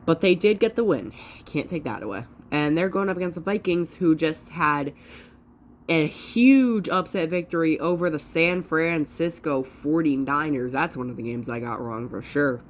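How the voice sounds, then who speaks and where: Low-voiced woman, stuffy and chatty. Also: expressive, normal speed, slight background noise. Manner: chatty, self-deprecating, restarts often. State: stuffy from allergies. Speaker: sports prediction vlogger. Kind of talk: casual solo commentary.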